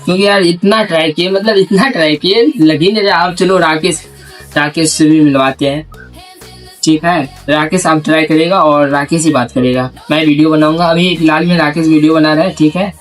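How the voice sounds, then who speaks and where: A man's voice: fairly high pitch, fairly even intonation, moderate pace, soft background music. A man making a prank call video, chatting casually in a hesitant, repetitive, rambling way. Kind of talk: casual phone chat and vlog talk.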